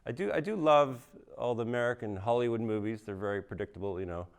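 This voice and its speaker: Dry self-mocking comedian from Canada. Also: male voice, fast, clean tone. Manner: dry, self-mocking, jumps to high squeaky voices for impressions. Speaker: stand-up comedian. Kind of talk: live stand-up comedy. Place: museum stage before a live audience.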